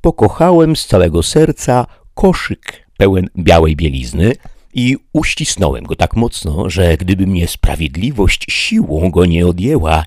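A man's voice: low-pitched, no room sound, clean studio sound, voice pushed up, full character voice. A man voicing a sly, wry young male convict with a mocking tone.

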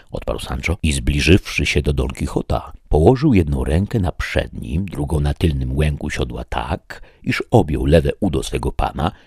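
A man calmly reading a classic novel aloud as narrator. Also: a bass voice, creaky, breathy edge, no room sound, studio quality. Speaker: audiobook reader. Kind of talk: scripted narration.

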